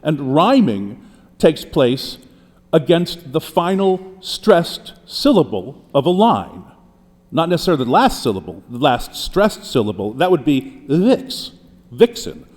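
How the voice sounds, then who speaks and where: Man acting as a dead poet on the witness stand, lively, professorial, echoing hall. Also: a little high, measured pace. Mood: earnest. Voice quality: professorial, explains at length with frequent restarts. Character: deceased male poet testifying at a trial. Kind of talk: mock trial role-play. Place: courtroom. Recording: long hall reverb.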